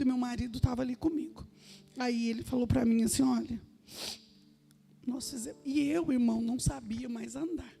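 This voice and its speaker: Uma mulher dá seu testemunho num culto da igreja, contando a história com seriedade e citando as falas dos outros na própria voz. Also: female voice, high voice, gravelly, dark tone. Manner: earnest storytelling, quoting others in her own voice. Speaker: church member giving testimony. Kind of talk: testimony in a church service. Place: church sanctuary.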